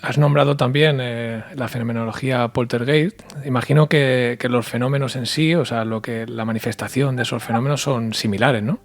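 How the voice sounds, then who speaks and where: A man's voice: medium pitch, fairly even intonation. A man with a Spanish accent, hosting a radio interview and asking friendly questions. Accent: Spanish from Spain. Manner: brisk, friendly questioning with restarts. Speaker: radio show host.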